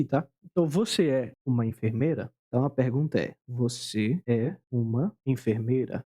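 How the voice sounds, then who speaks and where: A man's voice: on the high side, darkish tone. Patient Brazilian man teaching grammar. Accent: Brazilian Portuguese. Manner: patient, repeats key words, asks the viewer questions. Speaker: English teacher. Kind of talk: explaining English grammar at a board.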